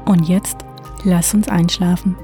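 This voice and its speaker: A woman narrating a sleep story softly and soothingly, unhurried, with long pauses between phrases. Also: on the low side, steady tone, soft background music. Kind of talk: slow, hushed sleep story narration with guided relaxation.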